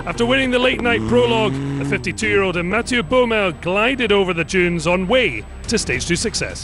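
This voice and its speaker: A man narrates rally highlights in a measured, clear voice-over. His voice sits high for a man, and music plays behind him. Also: expressive. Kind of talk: scripted sports narration.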